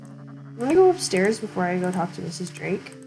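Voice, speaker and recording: A woman's voice: fairly low pitch, big pitch swings, brisk, gravelly, darkish tone, soft background music, rough recording. A woman streamer giving casual let's-play commentary, chatty and giggly, thinking aloud with the hiccups.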